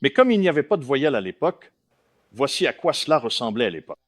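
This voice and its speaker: A man's voice: medium pitch, very animated, quick pace, dry recording, studio quality. A man from India giving a lecture to a live audience, emphatic, often stopping to check that listeners follow.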